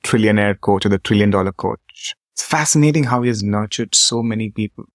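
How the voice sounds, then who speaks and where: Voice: medium pitch, brisk, no echo. An inquisitive interviewer with a mid-range voice, asking questions and offering short affirmations. The sound is dry and close. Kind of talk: conversational interview.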